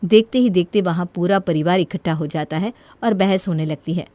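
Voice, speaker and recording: A woman narrating an animated moral story in a calm storytelling manner. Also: on the low side, normal speed, no echo.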